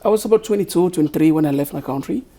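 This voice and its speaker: As an author guest, a middle-aged Cameroonian man with a Cameroonian accent answers interview questions slowly and thoughtfully, often searching for words. His voice sits on the high side and sounds mellow.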